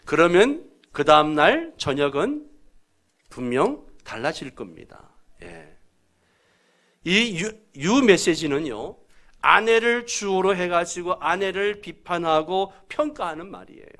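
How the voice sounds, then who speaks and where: A man's voice: sits high, sing-song, takes it slowly, fairly bright tone. A middle-aged man preaching a sermon as pastor, calling out to the congregation for answers and acting out angry quoted lines in a raised voice. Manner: calls out to the congregation for responses.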